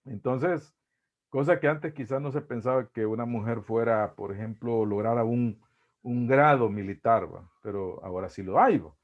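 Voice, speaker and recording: A male Salvadoran lecturer teaching over a video call, in a middle-pitched voice. He stumbles and repeats words as he thinks aloud, checking in with the class constantly. The audio is muffled and lo-fi. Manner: halting, repeats words, tags "¿va?" often. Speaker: university psychology lecturer. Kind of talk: online lecture.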